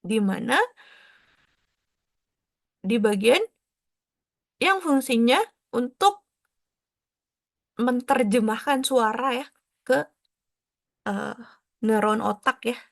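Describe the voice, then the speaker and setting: A woman tutor giving an explanatory lesson, stepping through technical terms and glossing each one, with frequent soft tag questions. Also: fairly high pitch, expressive, slow, vocal fry, long pauses, no room sound, clean studio sound. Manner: explains step by step, drops in foreign technical terms and glosses them. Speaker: exam prep tutor.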